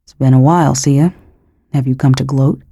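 A woman reading an audiobook, voicing a wary male godling who speaks low and carefully. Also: steady tone, moderate pace, dark tone, husky, no room sound, studio quality. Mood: tense wary. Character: tense, wary male godling, grave and guarded.

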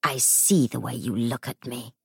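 A woman voicing the murdered ghost of a bitter male warlock, with a hollow, hissing voice and a slow, brooding delivery. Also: extremely low pitch, gravelly, a little mellow, breathy edge, dry recording, clean studio sound, voice pushed down, heavily acted. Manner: slow, brooding, sinking to a whisper.

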